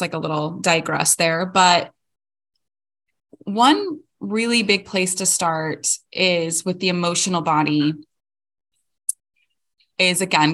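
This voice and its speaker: A woman's voice: on the low side, fairly bright tone. A woman in her thirties co-hosting a podcast, talking earnestly and reflectively about parenting with many fillers. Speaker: podcast co-host. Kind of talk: casual chat.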